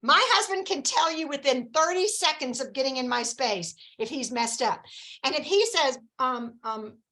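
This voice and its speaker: A woman coaching her sales team in a lively, chatty, encouraging way, with folksy asides. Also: high-pitched, normal speed, rough recording.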